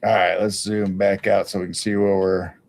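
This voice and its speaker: Guy hosting a late night stream, dark mellow voice, kinda halting, thinks out loud. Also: deep voice, flat delivery, gravelly. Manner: thinking aloud, halting, with restarts. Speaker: stream host. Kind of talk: casual live-stream chat.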